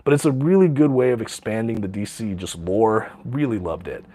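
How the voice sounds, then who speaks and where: A man's voice: fairly low pitch, lively intonation, normal speed, mellow. A man hosting a casual livestream, talking eagerly with many ums and uhs, a little out of breath from a cold. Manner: enthusiastic, many ums and uhs, reads out viewer questions. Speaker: livestream host showing his comic collection.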